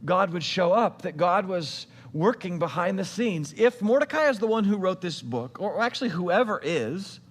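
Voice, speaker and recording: A pastor giving a sermon, retelling a scripture story in a casual, conversational way with modern slang. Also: male voice, high-pitched, animated, moderate pace, few pauses, in a large hall.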